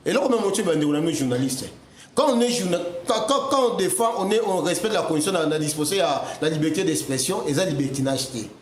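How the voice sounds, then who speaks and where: A man's voice: on the high side, expressive, quick pace, roomy sound, a little hiss or hum. A man arguing insistently in a studio debate, repeating words when he is cut off. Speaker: political debate guest.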